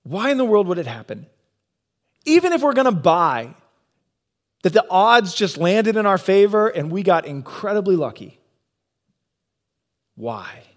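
A man with a high voice preaches a sermon. He speaks earnestly and leans on rhetorical questions, pausing to let points land. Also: big pitch swings. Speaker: pastor.

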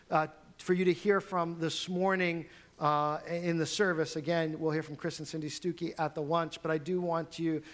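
A man who is a pastor, giving church announcements and introducing speakers in a conversational way with frequent fillers. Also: on the high side. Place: church sanctuary.

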